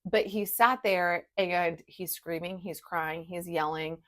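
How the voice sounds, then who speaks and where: A woman's voice: lowish voice, slow. A woman in her thirties, an ADHD coach, telling stories candidly in casual podcast chat. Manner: conversational, candid storytelling with many "like" fillers.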